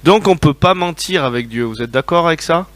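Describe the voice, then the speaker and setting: A man preaching a sermon, telling personal stories in a lively way and often asking his listeners whether they agree. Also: a little high, a little fast, dry recording. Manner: lively storytelling, asks the audience for agreement.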